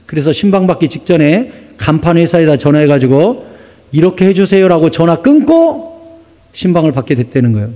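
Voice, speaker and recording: A male pastor preaching a sermon, telling a story in a lively way and acting out the dialogue. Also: on the high side, a little fast. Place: church sanctuary. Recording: long reverb of a church hall.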